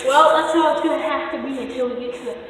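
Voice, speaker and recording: A young woman speaking in a nervous, excitable, slangy way while vlogging a night tunnel exploration. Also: high voice, quick pace. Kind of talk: casual night exploration vlog. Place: inside an underground tunnel at night. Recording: echoey tunnel, noisy, distant from mic.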